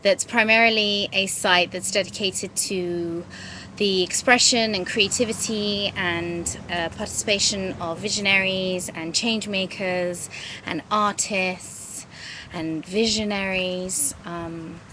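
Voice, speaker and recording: A woman, talking to her webcam outdoors in a garden. She speaks reflectively, pausing often with ums and restarting her sentences. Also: medium pitch, steady tone, pushed and bright, a little hiss or hum, low-quality recording. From England. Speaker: vlogger. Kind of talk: casual talk to camera. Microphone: webcam at close range.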